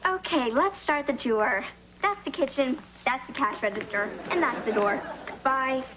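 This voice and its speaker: A woman's voice: sits high, moderate pace, lightly acted. An actress playing an earnest, sarcastic teenage girl in a sitcom. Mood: sharp. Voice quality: sarcastic, wry. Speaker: teenage girl working at a fast-food restaurant. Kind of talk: 1990s sitcom acting. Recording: noisy TV sitcom recording, live audience.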